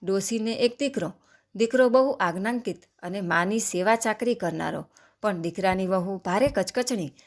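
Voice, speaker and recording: A woman's voice: mid-range voice, normal speed. A woman narrating a devotional story, reading the dialogue of its characters with feeling.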